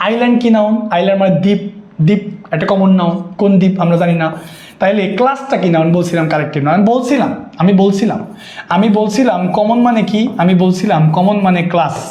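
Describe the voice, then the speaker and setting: A man's voice: high-pitched, fast, warm tone, reverberant, lo-fi sound. A man teaching a live online exam-prep class, who repeats himself and keeps quizzing his students. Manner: repetitive, questioning students constantly. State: sweaty and worn out.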